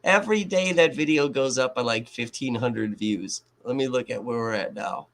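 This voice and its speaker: A man's voice: mid-range voice, moderate pace, a bit bright. A man from Kenosha, Wisconsin, hosting a live trial commentary stream and ranting in a profane, sarcastic way. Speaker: livestream host.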